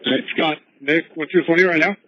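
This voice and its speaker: A man's voice: on the high side, steady tone, fast talker, no room sound. A man police officer giving terse radio calls, heard over a police walkie-talkie. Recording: dull lo-fi radio transmission.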